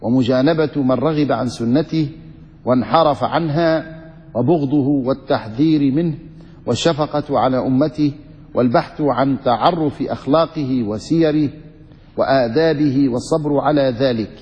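A man reads a classical religious text aloud in a steady, formal way. His voice is middle in pitch and carries a long reverb from a large room. The sound is dull and lo-fi. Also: normal speed. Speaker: student reading the text aloud.

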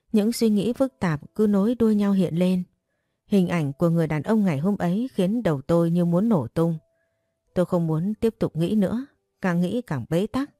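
Mellow, low-voiced woman narrator. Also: no echo, clean studio sound. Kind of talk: first-person audiobook narration. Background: faint background music.

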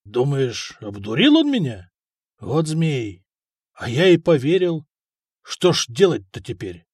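A man's voice: fairly high pitch, sing-song, a little slow, a little mellow, slightly rough, no echo, clean studio sound, heavily acted. A man voicing a blustering but timid middle-aged chieftain who bickers with his wife. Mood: dismayed.

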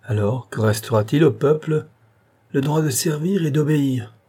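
A man's voice: mid-range voice, moderate pace, warm tone, husky. A man voicing a blunt, vehement revolutionary countryman who argues with rising insistence, pressing question after question. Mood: indignant. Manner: heated, insistent, hammering rhetorical questions.

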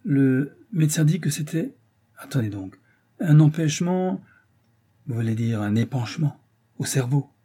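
A frightened old valet frets over his stricken master in a husky, raised voice. A man acts him out in a storybook reading, the tone mellow and soft-edged. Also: on the high side, expressive, moderate pace, pitched above the performer's own voice. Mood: distressed. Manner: agitated, fretful telling. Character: old distressed male servant of a duke.

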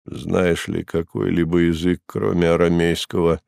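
A man's voice: low-pitched, a little slow, vocal fry, no echo, clean studio sound, pitched below the performer's own voice, full character voice. A man reading an audiobook and voicing a weary, ailing male Roman procurator who questions coldly in a dull voice. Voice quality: dull, flat voice. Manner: quiet, cold interrogation.

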